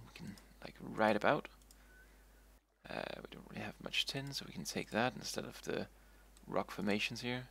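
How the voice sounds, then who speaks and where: A man's voice: fairly low pitch, creaky, sharp tone, breathy edge. A man streaming a game, talking casually in a rambling way and often repeating and restarting himself. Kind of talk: casual gameplay commentary.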